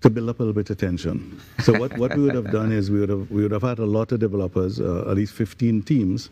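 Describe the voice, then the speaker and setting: A man answering as an interview guest, explaining things deliberately and often feeling for his words. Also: lowish voice, warm tone. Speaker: guest, digital transformation advisor.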